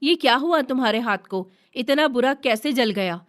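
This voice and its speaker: A woman's voice: sits high, lively intonation, moderate pace. A woman voicing a caring young husband who speaks with concern. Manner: concerned, pleading.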